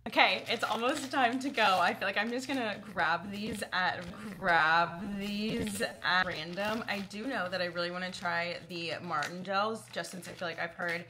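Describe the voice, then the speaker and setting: A woman's voice: mid-range voice, moderate pace, hardly any pauses. Chatty woman, casual vlog, faint noise. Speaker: running vlogger. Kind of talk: casual chat to camera.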